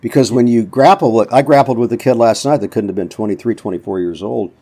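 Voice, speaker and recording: An older man in his seventies hosts a relaxed motivational talk show. He rambles through gym anecdotes in a folksy way, acting out the people in his stories. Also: medium pitch, fast. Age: 70s. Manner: folksy storyteller, acts out quotes. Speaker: podcast host.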